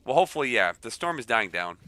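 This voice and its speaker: A man's voice: mid-range voice, sing-song, fast, pushed and bright, no room sound. Nasal, chatty male game streamer. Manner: chatty, joking, reacting aloud. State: a bit stuffy with a cold. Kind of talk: casual gameplay chat.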